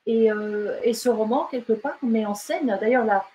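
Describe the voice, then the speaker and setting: Interviewed as a guest, a novelist from France and Britain speaks in a fairly high, mellow voice at a moderate pace. She is casual but hesitant, often restarting and using fillers, and the recording quality is low.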